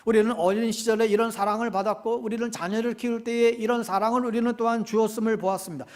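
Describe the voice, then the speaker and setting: A man's voice: extremely high pitch, a bit bright. A male pastor preaching a sermon, speaking earnestly to his congregation and lifting his voice when he voices God's pleas. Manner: addresses congregation directly.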